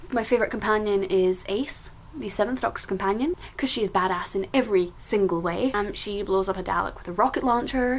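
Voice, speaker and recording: A woman's voice: medium pitch, low-quality recording. A seventeen-year-old woman from Scotland with a Scottish accent, chatting playfully and poking fun at herself in a casual home vlog. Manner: chatty, self-mocking and playful. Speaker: vlogger.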